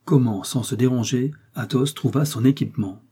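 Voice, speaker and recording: A man narrating a classic novel as an audiobook, in a measured, steady reading. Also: medium pitch, husky.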